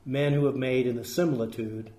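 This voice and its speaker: A man's voice: medium pitch, steady tone, fairly quick, warm tone. A man preaching a sermon as pastor, emphatic and putting rhetorical questions to his congregation. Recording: echoey room.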